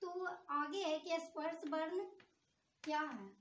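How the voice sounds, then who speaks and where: A woman teaches a grammar lesson in a very high voice, stopping often to quiz her students and then giving the answer herself. Her voice rings around a bare, echoey room. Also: slow pace, a bit bright. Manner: asks the class questions and answers them herself.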